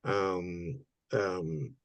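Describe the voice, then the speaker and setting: A man leading a church Bible study group, talking in a halting way with many fillers and repeated words. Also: deep voice, little pitch movement, no echo. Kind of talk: casual group discussion. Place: church meeting room.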